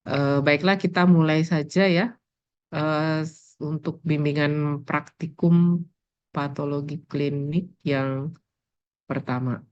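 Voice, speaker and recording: A woman lecturer with a sore throat and a hoarse voice, explaining a lab session, with many pauses and fillers. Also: sits low, steady tone, a little mellow, no room sound. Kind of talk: lab course briefing. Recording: dull, dry, muffled lecture audio.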